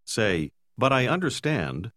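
A man, narrating a language course in a clear, measured way. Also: mid-range voice, sing-song, fairly bright tone, dry recording, studio quality. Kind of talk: scripted instructional narration.

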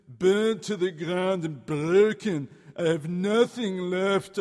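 Storybook role: male actor as wailing, self-pitying townsman, high and slow, plaintive delivery. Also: a little mellow, long reverb tail. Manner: plaintive, drawn-out complaining. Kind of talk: dramatized children's story.

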